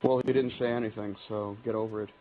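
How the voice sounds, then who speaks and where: A man's voice: on the low side, fairly even intonation, quick pace, narrow, tinny audio. A man chatting during a game, bossy and fussy about keeping things organized. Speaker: gamer co-host. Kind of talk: casual gaming chat. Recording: noisy capture with clicks.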